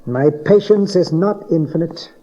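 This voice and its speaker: A man's voice: fairly high pitch, a little slow, warm tone. An actor playing an old, scornful, scheming tyrant king in a dramatized audio Bible, with an imperious, sneering manner. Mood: haughty irritation. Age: older. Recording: dull cassette tape transfer.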